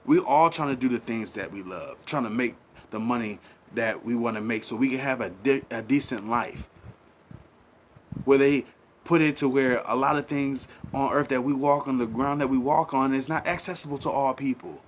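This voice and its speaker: A man with a mid-range voice talks at a moderate pace over a faint hiss or hum. He's a commentary channel host giving an impassioned, rambling monologue, preachy and repetitive, pleading with listeners through rhetorical questions and casual slang.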